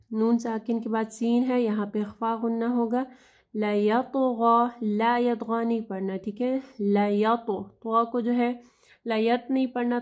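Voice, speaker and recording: Woman, recitation teacher; high-ish, even delivery, slow drawn-out phrases, patient corrections. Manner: slow, deliberate, drawn-out recitation between short explanations. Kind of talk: tajweed lesson.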